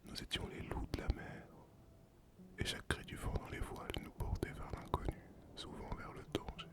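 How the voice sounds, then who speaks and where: A performer voicing a solitary male sea captain and former pirate in a whispered role-play, breathy and unvoiced, telling the tale slowly and poetically to the listener. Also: lightly acted. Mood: brooding, confiding. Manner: slow, poetic storytelling addressed to the listener.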